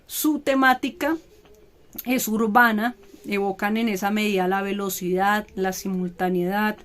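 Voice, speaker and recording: A woman's voice: medium pitch, steady tone, a little slow. A young woman teacher giving a classroom lecture, explaining patiently and often checking in with her students.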